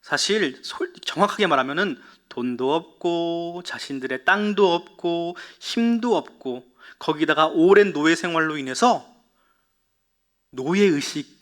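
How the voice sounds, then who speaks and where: Bright-voiced man preaching to children. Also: on the high side, expressive, measured pace. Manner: asks the children questions and answers them himself; drops to a hushed whisper for dramatic moments. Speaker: Sunday school preacher. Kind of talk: children's sermon, storytelling.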